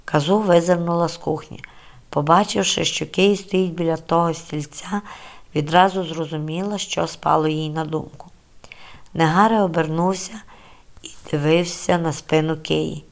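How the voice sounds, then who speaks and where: A woman narrating a novel in a calm, measured storytelling voice. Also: low-pitched. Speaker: audiobook narrator. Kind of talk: scripted literary narration.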